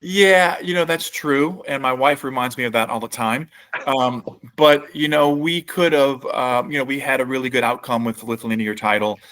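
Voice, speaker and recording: Relaxed and in no hurry, this middle-aged New Orleans man is a CEO sharing stories as a podcast guest. He speaks at a typical mid pitch, leans on filler words, and frequently breaks off to start a thought over.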